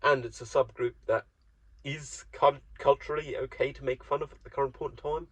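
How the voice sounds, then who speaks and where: Talking to himself, a solo vlogger from Germany rambles through a self-mocking, wry monologue. His medium-pitched delivery is brisk with fairly even intonation, captured in a dull, dry close recording that has no room sound.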